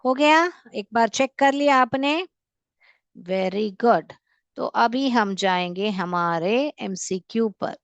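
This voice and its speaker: A woman teaching a school class in Hindi and Indian-accented English. She speaks slowly and patiently, breaking words into syllables and repeating them for dictation. The recording is dry and close. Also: on the high side, animated, no echo. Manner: mixes Hindi and English, calls students "beta".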